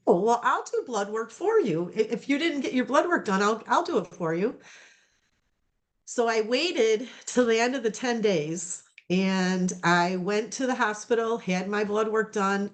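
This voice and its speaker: A woman giving a casual personal testimonial over a video call, rambling with many fillers and restarts. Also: medium pitch. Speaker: program client giving a testimonial.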